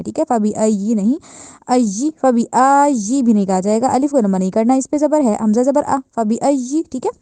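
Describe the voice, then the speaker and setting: A woman with a Pakistani Urdu accent teaching recitation, correcting pronunciation word by word and drawing out each word slowly. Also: fairly high pitch, dark tone, dry recording. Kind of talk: tajweed lesson, word-by-word correction.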